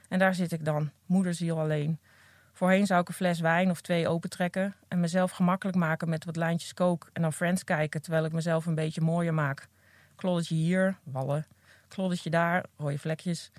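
A woman's voice: fairly low pitch, darkish tone, no room sound. A woman reading aloud from her own memoir in an earnest, candid first-person voice, recorded close on a podcast mic. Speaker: recovering addict reading from her own book.

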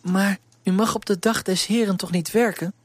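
A man's voice: high-pitched, fairly even intonation, normal speed, dry recording, voice pushed up. A man voicing a polite, shy twelve-year-old servant girl in a storybook reading, with a raised, earnest voice.

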